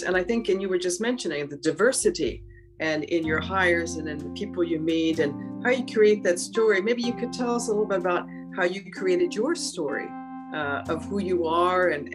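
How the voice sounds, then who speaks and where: Woman host asking questions, encouraging, lower voice, music in the background. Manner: encouraging, affirming backchannels. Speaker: interview host. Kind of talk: interview questions.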